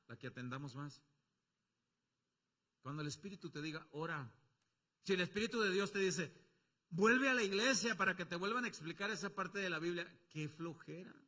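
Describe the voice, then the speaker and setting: Mexican pastor preaching in church, high bright voice, big dramatic swings, does little voices for quotes. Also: male voice. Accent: Mexican Spanish. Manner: dramatic preaching that swings from loud calls to low asides. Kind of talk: sermon.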